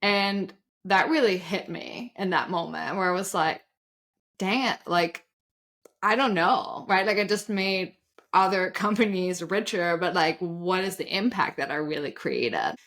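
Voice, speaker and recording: A German woman in her thirties, a side hustle coach, appears as a guest on a conversational podcast interview and tells her story in accented English. She's energetic and chatty, saying "like" and "literally" constantly. Her pitch is fairly low and her pace measured.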